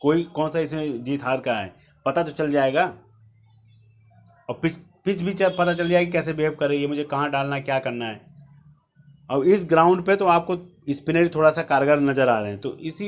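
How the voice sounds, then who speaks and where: Man, chatty tipster, talks straight to viewers, slightly raised pitch. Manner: chatty, repetitive, advising directly. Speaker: fantasy cricket tipster. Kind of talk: casual explainer monologue.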